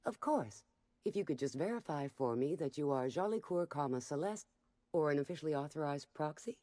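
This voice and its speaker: A low-voiced formal counter clerk. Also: female voice, lively intonation, a little fast, warm tone, no echo. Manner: formal, scripted customer service.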